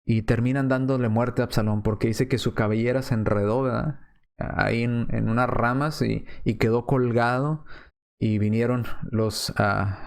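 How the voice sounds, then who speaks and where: A man preaching a sermon in an earnest way, often pausing for rhetorical check-ins with the congregation. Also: medium pitch, darkish tone.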